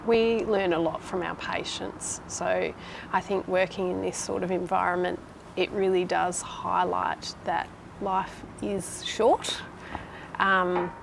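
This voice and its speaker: This woman in her thirties, a Tasmanian-accented nurse manager, talks through interview answers in a relaxed, conversational manner. Her lowish voice is slow and steady with some vocal fry, against noticeable background noise.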